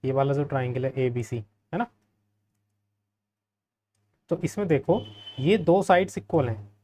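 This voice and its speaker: A man teaching a geometry proof step by step, friendly, often asking the class quick checking questions. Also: medium pitch, expressive, mellow. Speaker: maths teacher.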